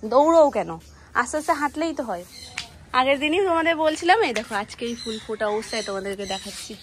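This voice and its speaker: Chatty young Bengali mum, high voice. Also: female voice, animated, fast, a little hiss or hum. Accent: West Bengal Bengali. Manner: chatty, talks to viewers and coaxes a toddler. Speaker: vlogger and mother. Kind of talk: casual home vlog narration. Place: home, indoors and garden.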